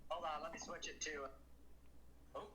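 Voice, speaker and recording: A man's voice: on the high side, steady tone, moderate pace. A man chatting as a guest on a voice call, his mic cutting out so his volume keeps dropping. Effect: mic cutting out, uneven volume. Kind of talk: casual chat. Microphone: online voice call mic. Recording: noisy call mic with dropouts.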